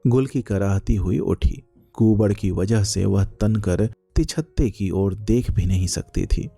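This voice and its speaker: A man narrating a literary short story in a slow, measured storytelling manner. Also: lowish voice, vocal fry, dark tone, breathy edge, dry recording, soft background music.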